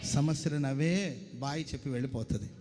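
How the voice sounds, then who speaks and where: Guy preaching in a church, kinda high voice, long hall echo. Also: a little fast, a little mellow, a little hiss or hum. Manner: preaching, calls for congregation responses, acts out quoted voices. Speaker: pastor. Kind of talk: sermon.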